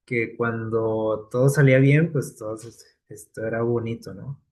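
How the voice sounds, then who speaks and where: A man's voice: mid-range voice, steady tone, unhurried, a little mellow. A man preaching a casual, conversational sermon, full of fillers and tag questions to his listeners.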